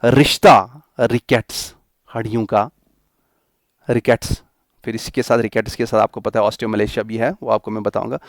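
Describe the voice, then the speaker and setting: A man's voice: on the low side, steady tone, no echo, clean studio sound. A young male teacher coaching students for exams, who repeats and spells out memory tricks step by step. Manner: repeats mnemonics slowly, spelling letters out. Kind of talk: exam coaching lecture.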